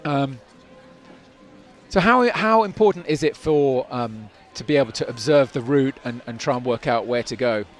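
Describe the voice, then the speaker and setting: A medium-pitched male voice at a moderate pace covers an outdoor climbing event live, mixing commentary and interviews. He's chatty and meandering, restarting often and leaning on fillers, with crowd noise in the background.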